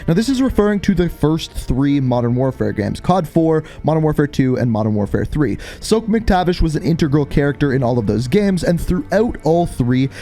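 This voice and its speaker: A man's voice: on the high side, very animated, normal speed, few pauses, mellow. A man narrating a scripted video game review essay, stressing key words emphatically. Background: background music.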